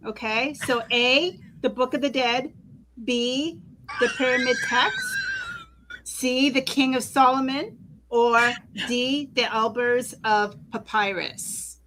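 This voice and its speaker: A woman reading quiz questions aloud on a live stream over a video call, slowly and with a giggly manner. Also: high-pitched, fairly even intonation, a bit bright, a little hiss or hum, rough recording. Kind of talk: casual live-stream chat.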